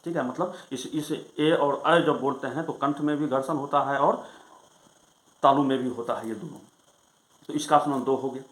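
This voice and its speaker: A man's voice: medium pitch, fairly even intonation. Male Sanskrit teacher in an echoey room. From Bihar, India. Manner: recites rules slowly, then asks and answers his own questions. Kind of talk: classroom lesson explaining Sanskrit rules.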